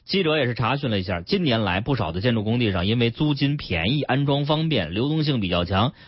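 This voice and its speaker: A man's voice: medium pitch, expressive, fast, husky, no echo, dull audio. A man hosting a radio talk show, chatting and teasing in a casual voice. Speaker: radio host. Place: radio studio. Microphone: studio mic.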